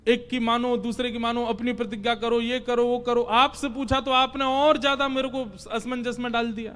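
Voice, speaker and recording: A man voicing a confused, exasperated warrior prince who pleads for a clear answer. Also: very high-pitched, level tone, moderate pace, fairly bright tone, pitched above the performer's own voice.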